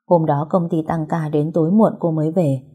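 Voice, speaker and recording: A woman narrating an audio story in a steady, dramatic way. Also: low voice, normal speed, husky.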